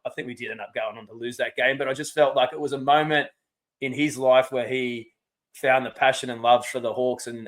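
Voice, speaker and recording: Dad in his forties, podcast co-host, middling pitch, heartfelt storyteller. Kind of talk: casual podcast chat, storytelling.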